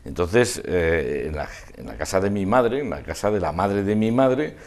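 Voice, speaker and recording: An older man reminiscing in an interview, discursive and halting, often trailing off mid-thought. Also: sits low, animated. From Spain. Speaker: interview guest, festival proclamation speaker.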